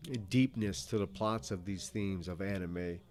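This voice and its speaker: A middle-aged man in a casual, rambling monologue as a video host, halting and repeating words, with some casual swearing. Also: low-pitched, a little mellow. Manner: casually foul-mouthed. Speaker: video host answering viewer questions.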